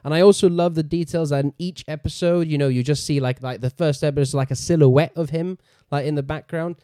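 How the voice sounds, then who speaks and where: A man co-hosting a podcast in casual review chat, enthusiastic and excitable, with some swearing. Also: fairly high pitch, fast, no echo, clean studio sound. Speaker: podcast co-host.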